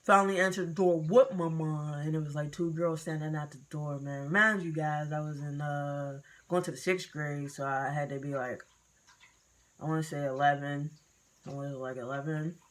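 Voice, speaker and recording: A young woman vlogger telling a personal story in a casual, slangy, animated way. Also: deep voice, normal speed.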